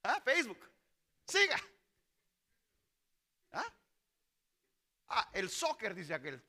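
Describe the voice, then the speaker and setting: Man, pastor, sermon, sharp ringing tone, acts out story voices. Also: high voice, huge pitch swings, takes it slowly. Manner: preaching with call-and-response to the congregation; acts out voices in Bible stories. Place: church hall.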